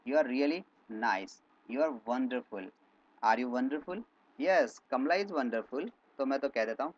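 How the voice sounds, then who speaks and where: A man teaching spoken English in Hindi, explaining phrases and slowly repeating example sentences. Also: mid-range voice, muffled recording.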